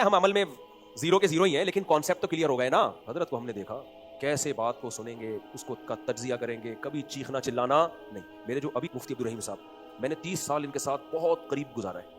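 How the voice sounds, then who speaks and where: A man with a Pakistani Urdu accent giving an Islamic sermon, swinging between loud emphatic points and quiet asides, asking rhetorical questions and answering them himself. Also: on the high side. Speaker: religious scholar giving a lecture.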